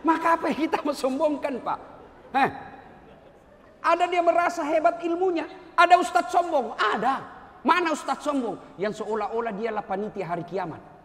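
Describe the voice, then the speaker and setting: High-voiced animated preacher with Makassar accent. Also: male voice, moderate pace. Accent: Makassar Indonesian. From Indonesia. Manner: animated, shifts between loud emphatic bursts and soft quoted asides. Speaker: lecturer. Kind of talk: sermon. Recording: roomy hall, faint background noise.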